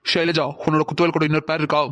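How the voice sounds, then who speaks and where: A man's voice: a little high, monotone, racing, fairly bright tone, no echo, close to an everyday voice. A man voicing a cocky, teasing young man in a cartoon. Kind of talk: cartoon voice acting.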